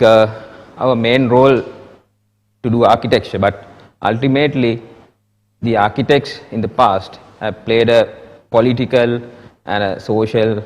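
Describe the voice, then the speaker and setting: A man with a Sri Lankan accent giving a conference presentation as an architect, with halting, loosely worded delivery. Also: on the low side. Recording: echoey hall with long reverb.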